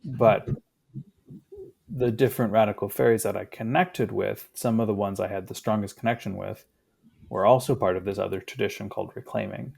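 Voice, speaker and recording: A man in his thirties, a guest in a casual conversation, talking in a reflective, unhurried way with fillers. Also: on the low side, steady tone, gravelly, a little mellow, slightly rough.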